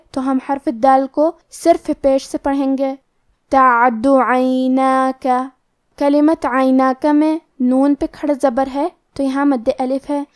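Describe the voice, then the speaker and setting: A woman teaching Quran recitation rules, explaining each rule methodically and then reciting the words slowly and drawn out. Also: high-pitched, warm tone.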